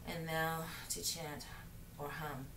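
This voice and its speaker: A middle-aged woman guides yoga and breathing in measured, soothing phrases with long pauses, recorded across a living room. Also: low voice, level tone. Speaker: yoga teacher. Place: living room, seated on the floor. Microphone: camera mic across the room. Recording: roomy, noisy, distant microphone.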